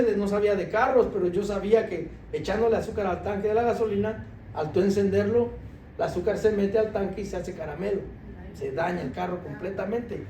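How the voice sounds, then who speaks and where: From a distance in an echoey church hall, against faint ambient noise, a deacon gives a sermon testimony in a high voice. He tells the story animatedly and with laughter, his voice sinking low whenever he quotes others.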